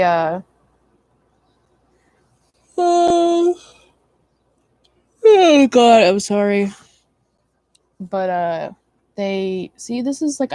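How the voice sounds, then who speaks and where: A woman's voice: medium pitch, darkish tone, dry recording. Young woman, tired, rambly livestream chat, lots of fillers, dry close sound. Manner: rambling, many likes and ums. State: tired, yawning. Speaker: livestream host. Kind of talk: casual chat with viewers.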